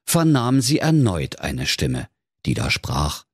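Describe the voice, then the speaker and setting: A man's voice: low-pitched, wildly swooping pitch, slow, breathy edge, no room sound, studio quality. Mock-solemn male fairy-tale narrator. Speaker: storyteller.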